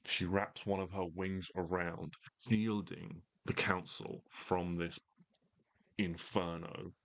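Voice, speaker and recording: A man narrating a tabletop fantasy game as game master, in a measured, theatrical storytelling manner. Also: sits low, little pitch movement, creaky, a bit bright.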